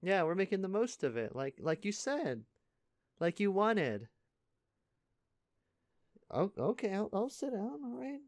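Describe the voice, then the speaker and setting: In a close-up, dry recording, a man gives a full character performance as an earnest, caring high school senior who is the listener's best friend, in an intimate audio roleplay. His high-pitched, darkish voice swings widely in pitch. He sounds casual and conversational but halting and stammering, his mood earnest and reassuring.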